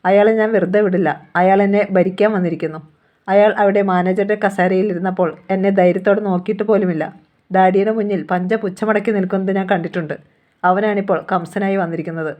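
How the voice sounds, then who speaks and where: A woman's voice: mid-range voice, fairly even intonation, a little fast, darkish tone, lo-fi sound, natural voice. A defiant young heiress, accusing and demanding answers, read by a woman narrator. Her voice stays close to the reader's own as she presses her questions.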